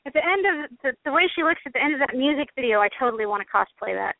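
A woman's voice: high voice, lively intonation, very fast, gravelly, no echo. A woman in her thirties, co-hosting a casual chat, talking in a rambling way with restarts. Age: 30s. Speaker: podcast co-host. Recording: tinny phone-like line.

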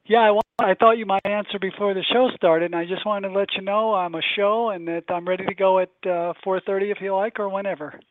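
A man calling in as a guest author, talking casually with many "uh" pauses over a phone line with a bad connection. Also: sits high, steady tone. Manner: chatty, with frequent "uh" pauses. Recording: tinny, dry phone line.

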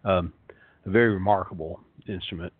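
Male host, low soothing hypnotist voice, slow and resonant, rambling monologue over a thin phone-like line. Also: fairly even intonation, slightly rough. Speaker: show host. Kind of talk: rambling talk show monologue. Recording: phone-like internet radio line, roomy echo.

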